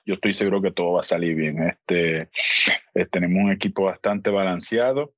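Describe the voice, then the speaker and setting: A man co-hosting a sports podcast in an easygoing, friendly way. His voice sits fairly low and is recorded dry, with almost no room sound. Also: brisk, no room sound, highs cut off. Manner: relaxed, friendly conversational Spanish. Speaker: podcast co-host. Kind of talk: podcast interview.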